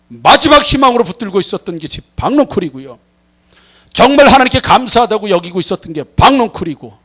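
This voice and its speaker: A man preaching a sermon as a pastor, dramatic, acting out voices with sudden swings between loud and soft. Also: high-pitched.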